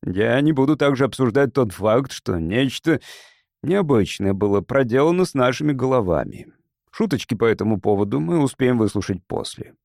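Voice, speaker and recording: A composed English member of parliament, voiced by the narrator addressing a crowd in a spoken novel. His delivery is measured and persuasive, with lively pitch swings and a dry, close sound. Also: creaky, dry recording. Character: patient, determined English male politician.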